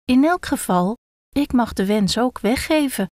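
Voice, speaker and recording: A woman's voice: a little high, lively intonation, a little slow, a little mellow, no room sound, studio quality. A woman voicing a timid male gecko who hedges and doubts as he gives away a wish. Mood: explaining. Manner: hesitant, hedging, fussy.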